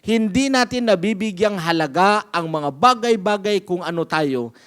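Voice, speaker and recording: Male pastor, sermon, storytelling, high voice, addresses the congregation. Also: lively intonation, moderate pace, fairly bright tone, clean tone.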